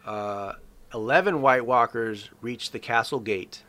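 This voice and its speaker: Bright-voiced man narrating recap. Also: mid-range voice, a little slow. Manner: starts most sentences with "uh". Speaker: co-host recapping a TV episode. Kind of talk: casual scene-by-scene recap.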